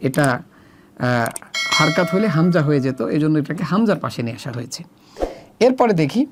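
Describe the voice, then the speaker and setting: A woman teaching children an Arabic reading lesson, explaining and then spelling out letters one by one in a methodical drill. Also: darkish tone. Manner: methodical letter-by-letter drilling, pitch jumping between items.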